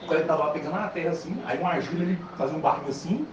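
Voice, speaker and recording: A young man with a Brazilian accent telling a dream story casually, slangy and excitable, laughing as he goes. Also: a little high, very fast. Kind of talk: casual rambling anecdote. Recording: echoey lo-fi phone recording from far off with noise.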